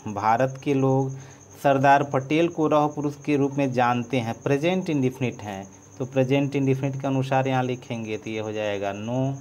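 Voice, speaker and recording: A man teaching an English lesson, spelling words out letter by letter as he writes and trailing off softly. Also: medium pitch, moderate pace, slight background noise. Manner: dictates letter by letter, trails off softly while writing. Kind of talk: slow board-writing lesson, spelling out words.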